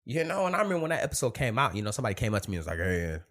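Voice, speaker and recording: Male podcaster, lowish voice, swollen-tongue lisp, loose conversational monologue with emphatic repeats. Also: sing-song, very fast, a bit bright. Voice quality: lisping, thick-tongued speech from a swollen tongue. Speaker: podcast host. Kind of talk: casual solo podcast monologue with profanity.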